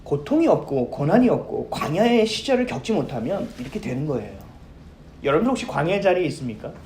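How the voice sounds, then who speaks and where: A male pastor delivering a Sunday sermon, his pitch leaping up and down as he tells stories. He puts on the voices of the people in his stories and keeps throwing questions at the congregation with a joking touch. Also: fast talker, a little hiss or hum. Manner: animated storytelling, acting out quoted people; humorous, asks the congregation questions.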